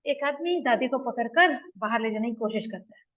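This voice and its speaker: Woman retelling a play, bright high voice. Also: expressive, normal speed, lo-fi sound. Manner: mixes quoted dialogue with plain explanation. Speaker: teacher explaining a play. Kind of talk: retelling and explaining a drama scene.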